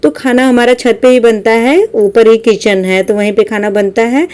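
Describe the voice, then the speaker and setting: Chatty woman vlogger, mellow voice. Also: fairly high pitch, steady tone, moderate pace. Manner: chatty, homely storytelling. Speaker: village life vlogger. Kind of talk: casual voice-over narration.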